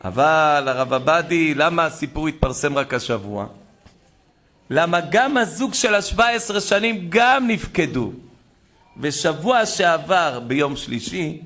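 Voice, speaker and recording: A man preaching a sermon to a congregation, telling a story with animated swings between loud exclamations and hushed asides. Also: on the high side. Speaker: rabbi preacher.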